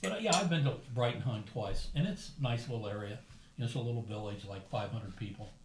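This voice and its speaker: An older man with a lowish voice leisurely tells stories at a dinner table. The room is echoey, with a faint hum behind him. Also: fast talker. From United States. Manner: storytelling, relaxed and chatty. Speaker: host. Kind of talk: casual dinner conversation.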